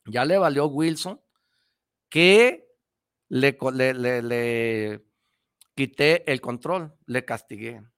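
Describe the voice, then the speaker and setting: A man's voice: medium pitch, lively intonation, takes it slowly, pauses often, a bit bright, clean tone, no echo, clean studio sound. A man with a young child of his own, hosting a motivational radio talk, preaching and repeating himself as he addresses the listener directly. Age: adult parent. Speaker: radio host giving motivational advice.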